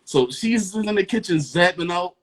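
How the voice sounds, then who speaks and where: A young man talks in a casual chat, telling a story with real animation and putting on the voices of the people in it. His voice sits a touch higher than most men's and jumps around as he acts things out. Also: moderate pace, breathy edge. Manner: animated storyteller acting out voices, laughing often. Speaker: guest rapper and producer.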